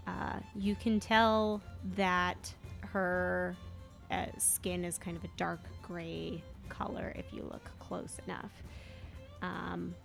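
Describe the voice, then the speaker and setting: A woman's voice: on the low side, creaky. A woman playing a tabletop game, describing her character hesitantly with many fillers. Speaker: player.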